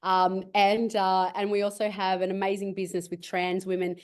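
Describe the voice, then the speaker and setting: A woman's voice: medium pitch, flat delivery, moderate pace, darkish tone. A middle-aged woman, a cosmetics business founder, telling a rambling story in a casual interview and laughing often. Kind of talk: casual video-call interview.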